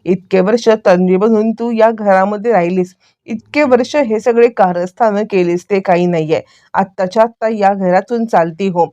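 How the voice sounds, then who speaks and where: An angry young husband, scornful and commanding, as a woman narrator reads his lines. The voice is warm and mellow in tone. The sound is dry and close. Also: mid-range voice, moderate pace, no room sound, lo-fi sound, lightly acted. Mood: furious. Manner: shouting orders, scornful.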